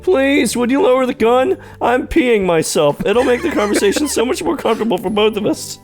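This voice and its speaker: A man's voice: extremely high pitch, animated, a little fast, faint music behind, voice pushed up. A man voicing a flustered, rambling young homeowner in a comically pleading put-on voice. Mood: pleading, nervous.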